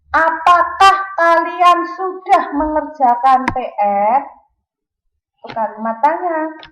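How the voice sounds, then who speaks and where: A high-pitched woman teaching young pupils. She speaks patiently, posing questions and answering them herself. The recording sounds roomy and a little muffled. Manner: patient, addresses pupils directly, asks then answers questions. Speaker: primary school teacher. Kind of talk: recorded classroom lesson. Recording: echoey room, slightly dull sound.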